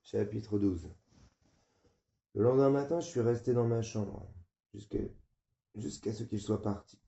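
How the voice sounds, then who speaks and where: A man reading a novel aloud in a flat, weary first-person narration. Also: lowish voice, a little slow, gravelly. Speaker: audiobook reader. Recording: muffled, roomy.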